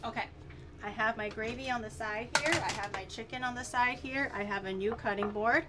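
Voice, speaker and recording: Cooking on a relaxed livestream, this streamer, a native Mandarin speaker, chats and giggles playfully over background music. She talks briskly in a steady, somewhat high voice, and there's some background noise.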